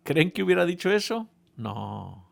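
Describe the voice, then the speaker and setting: Preaching to his congregation, this man shares a comic tale in a lively, playful way, often cutting off a phrase and starting it over. His somewhat high voice is gravelly, with a sing-song, unhurried delivery.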